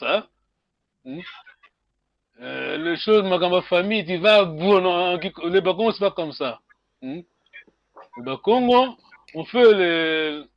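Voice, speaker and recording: A man with a high voice teaching slowly, pausing often with hums as he quizzes his class. The audio is dull and dry, with no room echo. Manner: slow, questioning students, many hmm fillers. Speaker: Kikongo language teacher. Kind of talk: online group lesson.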